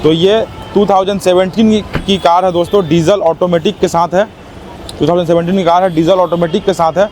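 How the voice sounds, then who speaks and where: A man giving an eager, teleshopping-style car sales pitch, hammering points home by repetition. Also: fairly even intonation, brisk, darkish tone. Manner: eager teleshopping-style selling, emphatically repeating prices. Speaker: used-car dealer presenting stock. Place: outdoors at a car lot. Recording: noisy outdoor car-lot sound.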